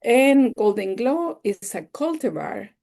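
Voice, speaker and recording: Slow, gravelly woman. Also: fairly high pitch, big pitch swings, mellow. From El Salvador. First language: Spanish. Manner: enthusiastic, explanatory. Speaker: webinar instructor. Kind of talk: slide-based webinar lecture.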